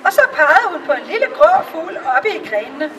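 A woman reading a fairy tale aloud in a calm storytelling manner. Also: high voice, recorded from a distance, a crowd in the background, noisy background. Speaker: reader.

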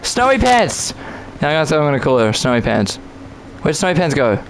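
A man's voice: mid-range voice, fast talker, background noise. A man giving casual, jokey commentary on his own gameplay, chatting to himself and to other players.

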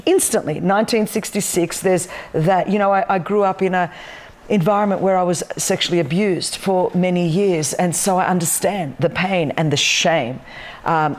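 A woman in her fifties, a guest on a talk show, telling her story with passion and emphasis. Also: lowish voice. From Australia. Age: 50s. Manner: passionate, emphatic, gestures constantly with both hands. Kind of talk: animated testimony on a talk show. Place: large wood-beamed studio loft set.

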